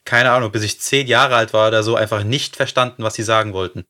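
A man's voice: lowish voice, fairly even intonation, fast talker, pushed and bright. A man in a casual group chat who jokes and explains things plainly.

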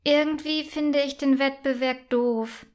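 A woman's voice: high voice, steady tone. A woman doing a sulky little sister girl. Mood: shy, friendly. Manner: sulky, quick to take offense. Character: touchy, stubborn younger sister girl.

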